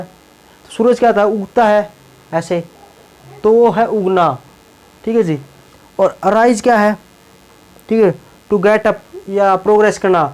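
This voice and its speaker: A male teacher with a high, darkish voice explains English verb forms in Hindi over poor audio. He often repeats words and tags his lines with a phrase checking in with the class.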